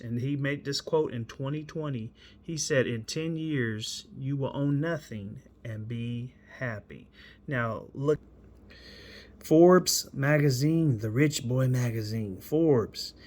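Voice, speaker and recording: Indignant preaching man ranting. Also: mid-range voice. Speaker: evangelist. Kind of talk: ranting commentary vlog.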